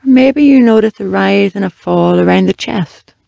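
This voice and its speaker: A meditation guide with a creaky, mid-range voice walks through a body scan, unhurried and softly directive, pausing at length. There's no room sound on the recording.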